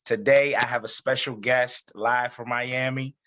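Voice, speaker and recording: A man hosting a casual interview, talking in a relaxed, slangy way and switching between English and Spanish. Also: mid-range voice, unhurried. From United States. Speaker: podcast host.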